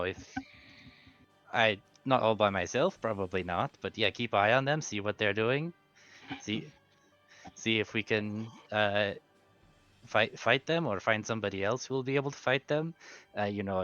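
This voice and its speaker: A man playing a simple, earnest female adventurer in a tabletop game, speaking in a halting, plain, informal way. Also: fairly low pitch, a bit bright, highs cut off, lightly acted. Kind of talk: tabletop role-play.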